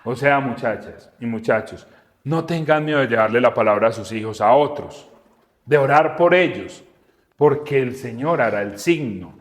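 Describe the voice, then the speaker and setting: A man teaching the Bible in a relaxed, conversational way, asking his listeners questions and acting out little scenes. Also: mid-range voice, moderate pace. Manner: animated, asks the audience questions, acts out dialogue. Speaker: preacher and podcast host.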